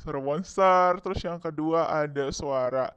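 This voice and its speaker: A woman reviewing a headset speaks through its voice-changer preset, which turns her voice into a deeper monster or male voice. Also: unhurried, clear, resonant tone, highs cut off. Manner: casual, amused, commenting on her own changed voice. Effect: voice changer preset making her voice deeper, like a monster or a man. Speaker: product reviewer. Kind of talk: casual product review, testing a headset mic.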